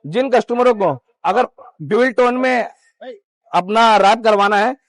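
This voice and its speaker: Man, high pitch, dry close sound, product walkthrough, explanatory sales talk, accessories fitter. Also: measured pace, no room sound.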